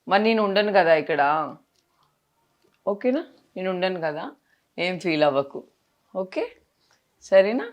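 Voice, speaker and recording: A young woman vlogger, talking tenderly and coaxingly to a small child. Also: fairly low pitch. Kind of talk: casual vlog chat.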